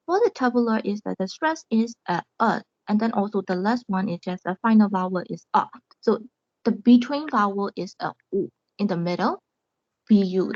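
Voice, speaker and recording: A woman student presents to her class over a video call, hesitant and full of fillers, often stopping to correct herself. Her voice sits at a middling pitch and sounds dull and lo-fi. The sound is close and dry, with no room echo. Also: a little mellow.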